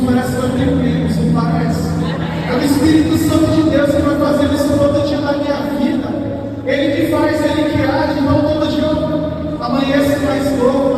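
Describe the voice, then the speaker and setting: Male preacher, 40s, from Brazil, fervent and high-pitched, heard from afar in a roomy church hall with music. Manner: fervent, keeps calling the crowd brothers. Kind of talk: sermon. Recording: echoey hall from far off, music behind.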